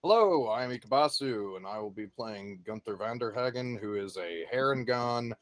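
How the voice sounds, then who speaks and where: Medium-pitched man introducing his game character. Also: animated, moderate pace. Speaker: player in a tabletop role-playing show. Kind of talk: casual self-introduction.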